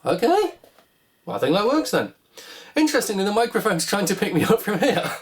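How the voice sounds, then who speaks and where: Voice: medium pitch, sing-song, fast talker. A vlog host giving casual hands-on repair commentary, musing wryly and asking themselves questions in a rambling way. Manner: rambling, wry musing with self-directed questions.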